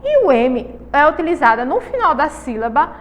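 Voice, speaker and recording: A woman teacher giving a lesson to young children, speaking slowly, asking them questions and repeating words for them. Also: high voice, big pitch swings, big-room sound. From Brazil. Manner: slow, coaxing, asks kids questions and repeats words.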